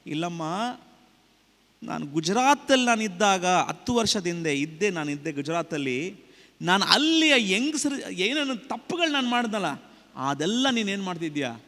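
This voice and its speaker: A man voicing a stern former soldier husband who questions his wife rapidly and accusingly, in a sermon story. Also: high-pitched, fairly bright tone, in a large hall. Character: angry ex-soldier husband, suspicious, later humbled.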